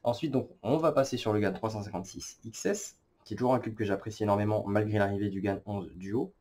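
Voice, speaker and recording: A man's voice: fairly low pitch, steady tone, fast, a little mellow. A man giving casual, hesitant commentary on his own statistics, with many fillers and self-corrections. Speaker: cubing vlogger. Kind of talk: casual screen-recorded commentary.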